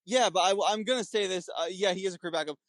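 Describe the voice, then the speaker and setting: A man's voice: high voice, very fast, fairly bright tone, no room sound. A man from the New Jersey area making a confident, playful debate argument about football. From New Jersey area, USA.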